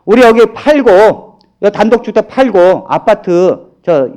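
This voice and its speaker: A male pastor voicing a soft-spoken wife who gently talks her husband round in a sermon anecdote. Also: high-pitched, lively intonation, measured pace. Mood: coaxing. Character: soft-spoken coaxing wife, middle-aged woman.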